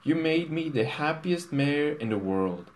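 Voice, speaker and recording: A man's voice: fairly high pitch, expressive, unhurried, voice pushed up, poor audio. A man voicing a lovestruck young female pony princess in a comic storybook reading, gushing and sweet.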